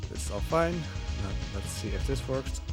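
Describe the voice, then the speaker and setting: Game music plays under a speedrunner's relaxed, chatty commentary as he works through a game. He speaks at a moderate pace in a mid-range voice with lively intonation.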